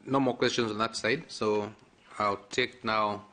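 A man chairing a panel discussion, briskly organizing the order of speakers. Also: on the low side, fairly even intonation, pushed and bright. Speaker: session chair.

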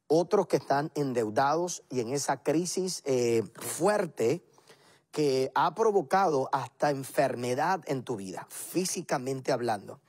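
A man's voice: medium pitch, expressive, measured pace, a little mellow. A man, a pastor, preaching and praying on a televised program, earnest and building his points in emphatic repeated lists. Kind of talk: televised sermon and prayer.

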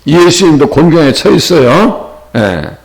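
A man's voice: on the high side, sing-song, measured pace, creaky. A middle-aged male pastor with a Chungcheong accent, preaching conversationally and asking his listeners questions. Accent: Chungcheong Korean. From Chungcheong, Korea. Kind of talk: sermon.

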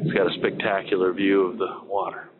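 A man with a low-pitched, monotone voice speaks fairly quickly while showing a house and its grounds as a real estate agent, yet his manner is unhurried and plain, dotted with many fillers. Captured on a handheld camera mic, the sound is thin and phone-like with faint noise.

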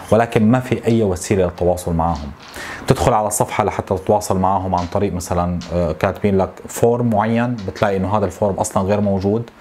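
A man in his thirties with a Syrian Arabic accent, venting to camera in a frustrated, complaining way, with halting repetitions. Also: low voice, darkish tone, a little hiss or hum. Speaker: tech YouTuber. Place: small home office, indoors.

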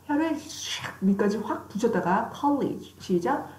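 A woman teacher leads an English vocabulary lesson, drilling words with call-and-repeat cues and tossing playful questions at her class. Her voice sits fairly high and swings up and down a lot, and the classroom around her is echoey. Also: big pitch swings, measured pace, darkish tone. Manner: playful, teasing questions to students.

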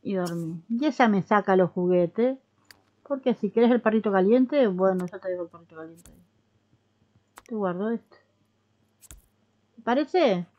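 A woman's voice: mid-range voice, a little mellow, highs cut off. A woman with a Rioplatense Spanish accent giving casual let's-play commentary, chatty and coaxing as she talks to her characters like babies. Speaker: gaming YouTuber.

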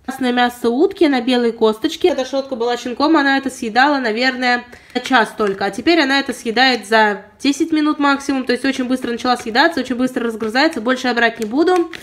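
A young woman who runs a pet vlog reviews pet products she bought, filming at home despite a sore throat. She talks fast in a high voice, chatty and detailed, with apologetic asides.

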